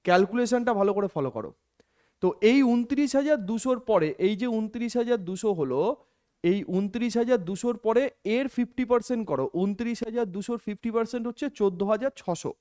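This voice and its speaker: A man's voice: very high-pitched, lively intonation, fast talker, dark tone, smooth. A man teaching an exam-prep lesson, walking through the figures step by step and putting questions to himself before answering them. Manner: explains step by step, repeats figures, asks and answers his own questions. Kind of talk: classroom-style lecture.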